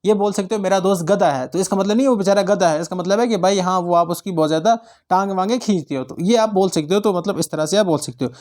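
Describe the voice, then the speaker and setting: Man, high-pitched voice, teacher, grammar lesson, repeats points, quizzes the class. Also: darkish tone. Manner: explains slowly, repeats points, asks the students questions. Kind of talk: exam-prep grammar lesson.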